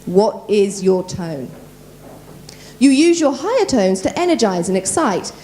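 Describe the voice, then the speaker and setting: A woman voice coach giving a lively workshop at a conference, talking quickly and quizzing the audience. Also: medium pitch, a little hiss or hum. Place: conference room.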